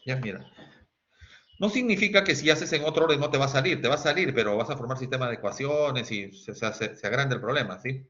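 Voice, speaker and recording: Un profesor con acento peruano que da una clase de química en línea y pregunta "¿sí?" a cada rato a sus alumnos. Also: male voice, medium pitch, quick pace, a bit bright. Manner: quizzing students, asking "¿sí?" often, sings snatches. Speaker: teacher. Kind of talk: online chemistry class. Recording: dull lo-fi sound.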